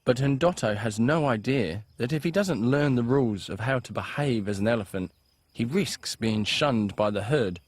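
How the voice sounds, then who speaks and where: A man's voice: mid-range voice, lively intonation, moderate pace. A man giving scripted narration for a nature documentary. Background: music.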